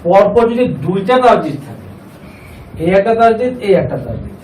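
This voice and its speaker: A man with a fairly high voice leads a classroom Quran reading lesson. He asks questions, repeats the students' answers and draws syllables out in a chant. He is picked up from a distance in an echoey room with a faint hiss behind. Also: sing-song, moderate pace, darkish tone. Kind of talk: classroom lesson with call and response.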